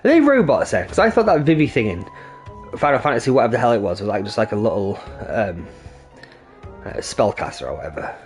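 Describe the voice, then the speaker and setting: A man's voice: fairly low pitch, sing-song, fast talker, faint music behind. Joking man streaming a video game. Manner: joking, crude, offhand. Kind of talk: casual commentary while playing.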